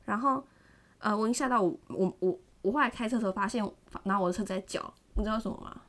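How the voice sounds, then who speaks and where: A young woman hosting a podcast, telling a personal story in an animated, casual way, often acting out someone shouting. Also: mid-range voice, fast. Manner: animated, mimics a shouting partner, many fillers. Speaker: podcast host.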